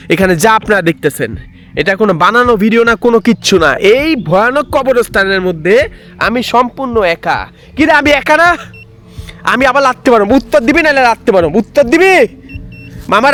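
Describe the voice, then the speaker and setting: High-voiced man ghost-hunting, taunting. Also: pushed and bright. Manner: taunting, repeats the same question, mutters prayers. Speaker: paranormal vlogger. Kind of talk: night ghost-hunting vlog. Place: outdoor graveyard at night.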